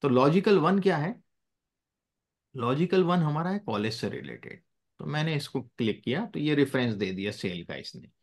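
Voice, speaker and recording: Lively-voiced male teacher checking on students. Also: on the high side, normal speed, gravelly. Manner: keeps checking that students follow; mixes English phrases into his explanations. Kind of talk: live classroom lesson.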